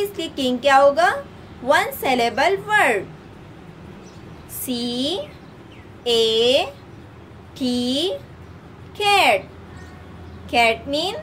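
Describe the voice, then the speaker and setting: A woman's voice: high voice, fairly bright tone, slight background noise. A woman with a Pakistani accent teaching a kindergarten English lesson, spelling out each word letter by letter and repeating it. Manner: slow, spells words letter by letter and repeats them. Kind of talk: recorded classroom lesson.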